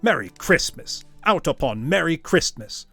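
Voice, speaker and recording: Bitter old miser, loud and scathing, voiced by a man reading a storybook. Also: medium pitch, very animated, moderate pace, vocal fry, no room sound, soft background music. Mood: indignant. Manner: loud, scornful and harsh.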